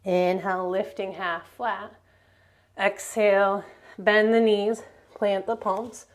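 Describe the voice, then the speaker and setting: A woman teaching a yoga class, giving calm step-by-step cues for breath and movement. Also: mid-range voice, slow. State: slightly out of breath at times. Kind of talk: guided yoga class instruction.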